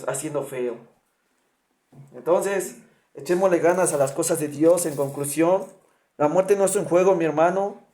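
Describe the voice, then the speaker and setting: A man's voice: a little high, dark tone, roomy sound. A man preaching a sermon, speaking earnestly and directly to his congregation.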